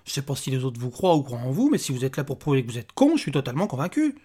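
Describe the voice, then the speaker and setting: A man's voice: medium pitch, sing-song, rapid-fire, breathy edge. Man voicing a blunt, disbelieving despairing man. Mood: incredulous. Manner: incredulous, sharp-tongued. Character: weary, disbelieving suicidal man, blunt and rude. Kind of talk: audiobook character voice.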